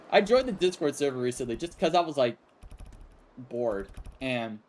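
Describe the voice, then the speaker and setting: A man's voice: medium pitch, lively intonation, unhurried, darkish tone. A young man with a Texan accent, rambling casually and answering chat while streaming a game, with frequent laughs. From Texas.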